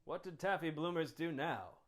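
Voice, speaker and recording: A man with a slightly high voice works as game master. He speaks as an announcer for a tabletop game show. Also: moderate pace.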